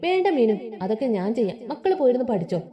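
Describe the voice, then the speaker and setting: A woman's voice: a little high, very animated, fast, dark tone. A woman reading a story aloud, voicing a loving, worn-out village mother who talks in a tender, coaxing way. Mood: gentle.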